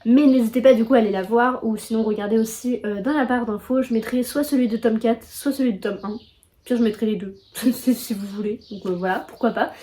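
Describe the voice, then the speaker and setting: Young woman, from France, casual book vlog chat, slightly high voice, filler words, self-deprecating. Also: fairly even intonation, fairly quick, mellow. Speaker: book vlogger.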